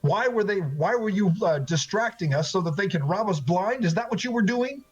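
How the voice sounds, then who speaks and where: Man voicing an angry but restrained young male ex-student, indignant, high voice, dull lo-fi tabletop game. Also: sing-song, measured pace, breathy edge, soft background music, heavily acted. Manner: indignant, holding back anger.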